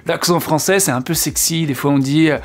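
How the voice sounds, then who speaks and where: A French-speaking man hosts a casual video lesson as an English teacher on his channel, chatting away, filling gaps with hesitations and asking the viewer question after question. His voice is a little high and fairly quick.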